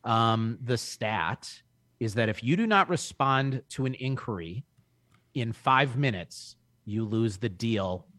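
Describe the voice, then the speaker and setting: A man in his early forties, talking in a casual podcast chat with an emphatic, energetic salesman's delivery. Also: medium pitch, takes it slowly, no room sound. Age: 40s. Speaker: guest.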